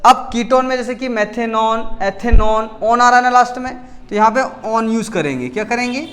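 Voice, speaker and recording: In casual classroom talk, this male chemistry teacher has a very high voice, a fairly bright tone, and a moderate pace. He often stops to correct his own slips, repeats important words, and asks questions only to answer them himself.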